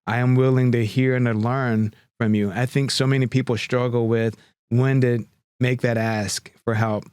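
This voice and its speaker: Smooth-voiced podcast host, dry and close. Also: male voice, mid-range voice, little pitch movement, moderate pace, darkish tone, no echo. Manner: affirming, reflective, asks open questions. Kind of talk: interview conversation.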